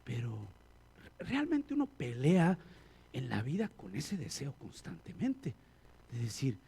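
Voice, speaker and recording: A man preaching a sermon as pastor, lively and expressive, dropping to a hush and then rising again. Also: fairly high pitch, slow pace, vocal fry, breathy edge. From Latin America. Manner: animated, acts out quoted voices, swings between loud and hushed.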